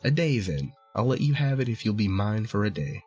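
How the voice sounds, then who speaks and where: A man's voice: fairly low pitch, big pitch swings, fairly quick, a little mellow, breathy edge, soft background music. A man voicing a sly little male dwarf who haggles and coaxes in a storybook reading. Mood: coaxing. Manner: wheedling, coaxing haggler.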